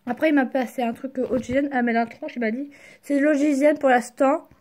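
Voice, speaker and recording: A young woman chats casually in a vlog, halting and slangy, speaking carefully with a sore mouth after wisdom teeth removal. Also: high-pitched, fairly even intonation, a little mellow. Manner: halting, slangy, searching for words. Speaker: vlogger. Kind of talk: casual personal storytelling to camera.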